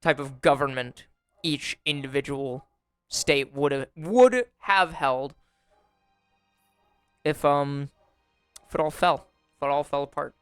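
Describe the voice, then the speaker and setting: Young man, gameplay commentator; bright, smooth voice, dry close mic, faint music underneath, wry and unhurried. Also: mid-range voice, dry recording. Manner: relaxed, wry commentary with frequent fillers. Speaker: gaming YouTuber. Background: faint background music.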